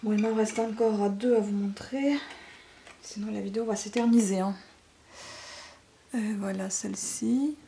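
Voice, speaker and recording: A woman vlogger chatting casually through a beauty unboxing, full of fillers and little tag questions, sometimes dropping to a soft half-whisper. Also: mid-range voice, fairly even intonation, a little slow, vocal fry, long pauses, slight background noise. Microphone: camera microphone.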